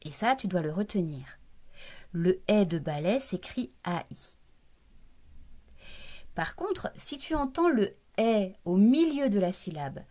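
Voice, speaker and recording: A woman's voice: mid-range voice, big pitch swings, slow, long pauses, dark tone. A woman teacher giving a recorded lesson to young children, patiently breaking words into syllables and speaking to the child directly. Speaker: primary school teacher.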